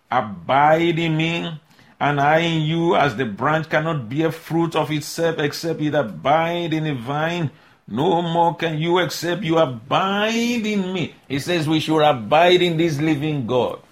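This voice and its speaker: A man preaching a sermon, asking rhetorical questions and answering them himself, and reading scripture slowly. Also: a little high.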